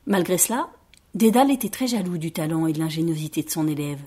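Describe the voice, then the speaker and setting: A woman reading children's tales aloud, expressive and dropping to a hush at tense moments, with a breathy voice. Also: sits low, quick pace. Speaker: storyteller.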